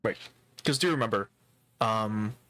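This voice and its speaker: Male gaming streamer, low-pitched and bright, relaxed let's-play chatter. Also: measured pace. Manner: relaxed, talks through puzzle steps with fillers and swearing. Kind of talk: casual let's-play commentary.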